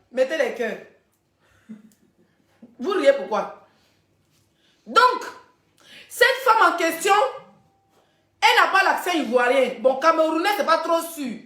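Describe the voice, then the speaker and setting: A woman, hosting a casual live stream and telling gossip straight to her viewers in a chatty, animated way. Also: high-pitched, roomy sound. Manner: chatty, animated storytelling, addressing viewers directly.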